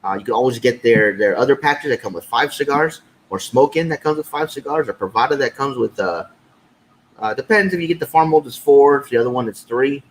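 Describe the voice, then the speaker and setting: A man's voice: mid-range voice, brisk, slight background noise, low-quality recording. A man co-hosting a podcast in a casual, conversational review style. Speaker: podcast co-host. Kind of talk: casual cigar review chat.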